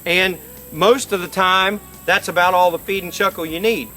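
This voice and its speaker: A man's voice: sits high, fairly even intonation, normal speed, sharp tone, soft background music. A middle-aged man giving an informal, folksy instructional demonstration, explaining step by step. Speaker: duck-calling instructor. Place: outdoors by a lake.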